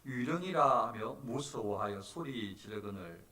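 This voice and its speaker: A man preaching a sermon as pastor, animated, moving from soft talk to loud cries. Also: medium pitch, measured pace, far from the mic. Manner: animated, swings from soft to shouting. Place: church sanctuary.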